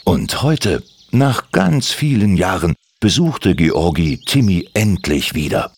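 A man reading a children's story aloud with a very expressive delivery. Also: low-pitched, slow pace, slight background noise. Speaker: narrator.

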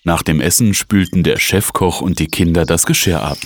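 A man narrating a children's story aloud in a calm, even storytelling voice. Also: low voice, normal speed, a little hiss or hum.

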